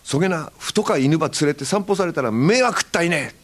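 A man voicing a gruff, proud old man in his seventies, speaking in Hakata dialect and boasting with laughter. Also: fairly high pitch, expressive, fairly quick, voice pushed up. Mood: scolding, boastful. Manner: boastful, laughing through lines.

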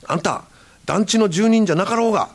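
A man voicing a gruff, proud old man in his seventies, speaking in Hakata dialect and boasting with laughter. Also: high-pitched, fast, pitched above the performer's own voice. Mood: scolding, boastful. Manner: boastful, laughing through lines.

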